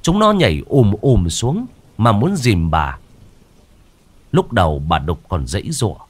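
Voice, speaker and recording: A man's voice: fairly low pitch, very animated, breathy edge, no echo. Dramatic male ghost-story narrator. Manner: dramatic, slowing on eerie moments.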